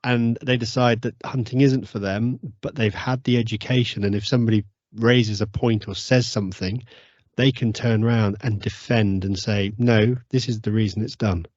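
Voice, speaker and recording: A man with a low voice hosts a casual podcast chat, stumbling and repeating words before he lands on his point. The sound is dry, close and a little muffled. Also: fairly even intonation, darkish tone, no echo. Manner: halting, repeats words as he talks. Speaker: podcast host.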